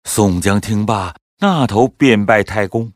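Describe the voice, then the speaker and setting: Low-voiced man narrating a classic tale. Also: no echo, clean studio sound. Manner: measured, expressive. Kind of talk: scripted storytelling narration.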